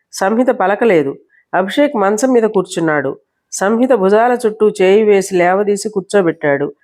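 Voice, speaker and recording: A woman's voice: medium pitch, a little mellow. Woman storyteller reading a novel aloud.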